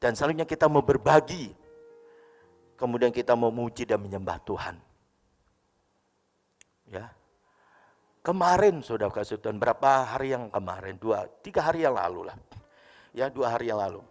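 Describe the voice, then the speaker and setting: A male pastor giving a sermon, telling a story and acting out the dialogue, with sudden loud bursts. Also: mid-range voice, lively intonation, normal speed, pauses often, long reverb tail, soft background music. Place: church.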